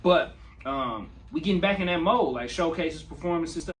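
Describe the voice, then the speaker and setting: A man hosting a radio interview, asking questions in a relaxed, easygoing way. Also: on the high side, moderate pace, distant mic. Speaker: radio host. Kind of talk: casual interview chat. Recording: off mic with faint background noise.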